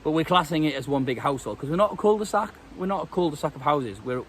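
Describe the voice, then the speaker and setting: This British vlogger talks fast and expressively in a slightly high voice, sounding stuffed up from a cold. Recording outdoors in woodland, he rambles casually with frequent ums and restarts against slight background noise.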